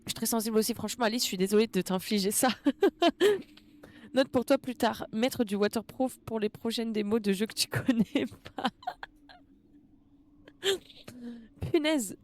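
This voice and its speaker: High-voiced tearful French woman streamer. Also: lively intonation, a little slow, pauses often, a little mellow. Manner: emotional, exclaiming, repeating herself. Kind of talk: live game stream reaction.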